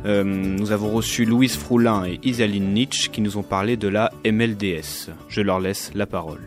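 A man's voice: lowish voice, steady tone, moderate pace. A man hosting a radio show, giving a brief and formal scripted introduction. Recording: music playing behind the voice.

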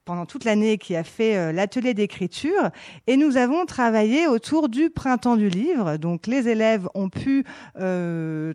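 A female teacher with a dark, mellow voice explains her program in a measured way, often pausing with hesitations. The sound is dry and close, with no trace of the room. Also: medium pitch, dry recording. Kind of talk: explanatory radio talk.

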